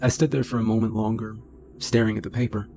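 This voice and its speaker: A middle-aged man narrating a first-person horror story in a low, steady, deliberate way. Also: gravelly, slight background noise. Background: faint music.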